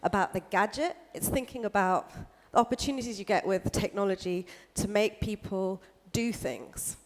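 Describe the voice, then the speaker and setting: A woman from the UK gives a casual conference talk in an echoey hall, her medium-pitched voice expressive and at normal speed, with plenty of "kind of" and "like" fillers.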